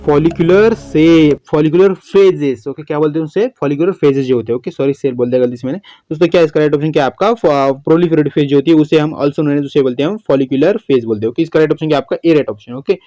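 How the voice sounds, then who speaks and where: A man solving exam questions as a biology teacher, chatty, often saying "okay", reading English questions slowly word by word. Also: on the high side, dark tone, no echo, lo-fi sound. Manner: chatty, repeats "okay" and "friends", many restarts. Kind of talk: exam-prep lesson, solving MCQs.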